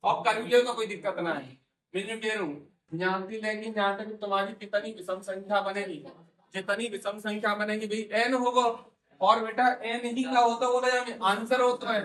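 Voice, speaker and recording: A man teaches maths in a classroom, coaxing his students, quizzing them, and echoing their answers back. His high, slightly bright voice is picked up by a distant mic in an echoey room.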